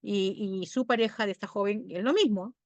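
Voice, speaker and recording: A woman's voice: medium pitch, darkish tone, dry recording, dull audio. Peruvian woman psychologist, chatty talk. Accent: Peruvian Spanish. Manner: conversational, asks "¿no?" often, acts out parents and children in quick asides. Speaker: child psychologist giving a parenting talk. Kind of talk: informal educational talk.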